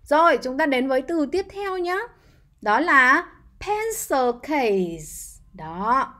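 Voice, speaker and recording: Woman, children's English teacher, high voice, patient spelling. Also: sing-song, slow pace, pushed and bright. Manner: spells words letter by letter, coaxing children with frequent "nhá" and "được chưa". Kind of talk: slow, patient spelling lesson.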